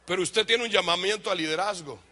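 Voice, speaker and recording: A pastor from the Dominican Republic, speaking with a Dominican Spanish accent, delivers a lively, fast sermon to a congregation. Animated, he poses questions and answers them himself, shouting some points for emphasis and then dropping into a low aside.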